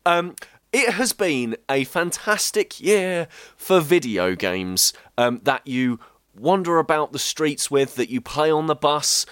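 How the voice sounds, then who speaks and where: A podcast host playing a goofy, excitable male ghost in a comedy sketch, wailing and rambling. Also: fairly high pitch, slow, smooth, no echo, studio quality, full character voice. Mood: giddy. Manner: giddy, wailing woos, rambling.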